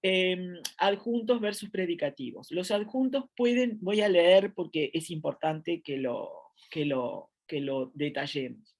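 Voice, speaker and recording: A woman's voice: lowish voice, unhurried, darkish tone. A middle-aged woman with a Uruguayan accent teaching a grammar lecture from home, thinking aloud with many fillers and restarts. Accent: Uruguayan Spanish. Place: at home, seated in a chair.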